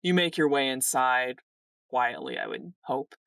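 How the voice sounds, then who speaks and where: A woman narrating a tabletop game as game master, in calm, descriptive narration. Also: very deep voice, a little slow, vocal fry, dry recording, clean studio sound, far from the mic.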